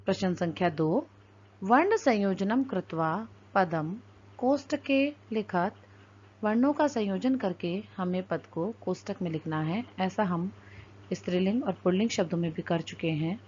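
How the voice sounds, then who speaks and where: A woman teaching a recorded lesson, explaining words slowly and spelling out sounds one at a time. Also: medium pitch, expressive, darkish tone, husky. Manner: slow, careful and deliberate, spelling out sounds one by one. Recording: dull lo-fi recording.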